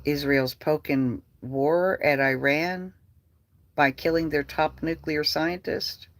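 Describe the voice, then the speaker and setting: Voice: medium pitch, fairly even intonation, slow pace, fairly bright tone, no echo. A vlogger delivering an angry political rant, heated, profane and repetitive.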